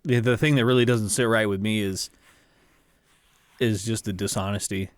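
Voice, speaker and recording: A man's voice: lowish voice, steady tone, normal speed, no room sound. A man co-hosting a podcast, chatting casually in a blunt, profane, joking way. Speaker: podcast co-host. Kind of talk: casual chat.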